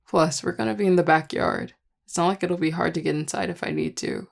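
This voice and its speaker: A performer voicing a charming, affectionate vampire lover in an intimate audio role-play, teasing and tender in a relaxed, gravelly voice. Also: medium pitch, a little fast. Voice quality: gravelly, heavy vocal fry. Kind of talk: intimate audio role-play, one-sided dialogue to listener.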